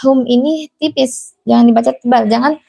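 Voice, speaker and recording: A woman teaching Quran recitation in a live class, chanting verses slowly and then explaining patiently, repeating the mistakes to avoid. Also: high-pitched, fairly even intonation, vocal fry, warm tone.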